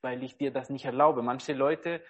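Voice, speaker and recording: A man giving an informal devotional sermon, earnest and halting, often searching for words and checking in with his listeners. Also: medium pitch, fairly even intonation. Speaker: preacher.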